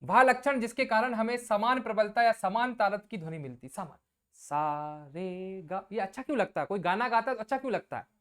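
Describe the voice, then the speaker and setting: A woman's voice: a little high, fast, hardly any pauses, fairly bright tone. A woman teacher giving an exam coaching lecture, casually explaining with everyday examples and asking the class questions she answers herself.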